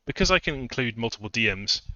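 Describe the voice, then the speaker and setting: A man's voice: medium pitch, animated, fast talker, pushed and bright, no echo. Man, casual streamer talk, rambling with fillers, slightly out of breath, dull lo-fi mic. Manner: rambling, conversational, many fillers and restarts. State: a bit out of breath. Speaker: streamer and game modder. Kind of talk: casual live-stream explainer.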